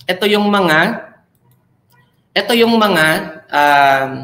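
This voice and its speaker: Teacher, online class lecture, chatty, keeps checking in with learners, sharp bright tone, echoey room. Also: medium pitch. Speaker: senior high school teacher.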